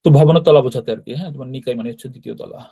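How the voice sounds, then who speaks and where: A man's voice: medium pitch, very fast, gravelly, mellow, husky. A man from Bangladesh, teaching a Japanese vocabulary class and explaining each word in an explanatory manner, repeating terms and checking with his students. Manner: explanatory, repeats words, frequent fillers and "right?" checks.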